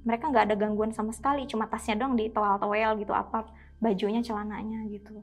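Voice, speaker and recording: A woman's voice: mid-range voice, level tone, fast. A young woman, telling a personal experience in a casual chatty way, often addressing her listener and acting out what people said. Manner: acts out quoted speech with sudden exclamations. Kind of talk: casual spoken storytelling. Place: podcast studio.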